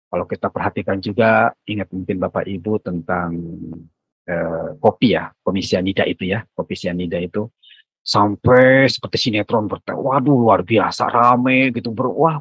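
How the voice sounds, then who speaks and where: A man preaching a sermon in a conversational way, often jumping into sudden high exclamations. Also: breathy edge, no echo, lo-fi sound.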